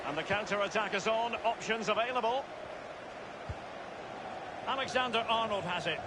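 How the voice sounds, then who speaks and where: A man doing measured play-by-play football commentary for a video game. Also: sits high. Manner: measured, rising to excited calls on chances. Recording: loud game crowd noise behind.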